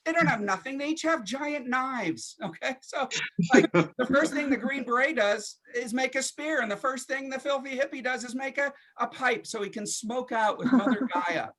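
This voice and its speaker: A male stand-up comedian on a club stage, tagging his jokes with "okay?" and "right?". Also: extremely high pitch. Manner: tags lines with "okay?" and "right?".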